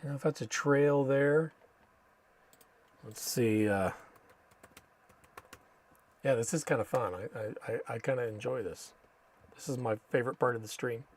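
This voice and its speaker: An American man hosting a casual live stream, thinking aloud haltingly and saying Spanish names with an American accent. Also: medium pitch. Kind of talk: casual live stream commentary while reading maps.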